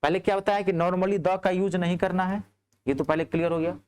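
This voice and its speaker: A man's voice: fairly quick, clean tone. A man teaching a grammar class in speech, asking his students checking questions and answering them himself. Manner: lively, rising on questions and dropping low on answers.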